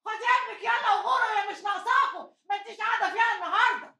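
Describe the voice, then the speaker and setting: An actress playing a loud Egyptian woman scolding and cursing her neighbors in a TV drama. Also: very high-pitched, racing, gravelly, exaggerated voice. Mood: furious. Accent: Egyptian Arabic. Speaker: quarrelsome neighbor. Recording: roomy echo.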